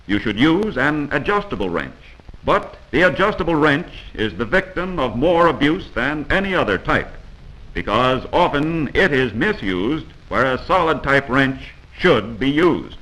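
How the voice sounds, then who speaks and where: An American man with a mid-range, sharp-toned voice narrates a scripted 1940s instructional film, heard on a rough, old film soundtrack. His delivery is didactic and admonishing.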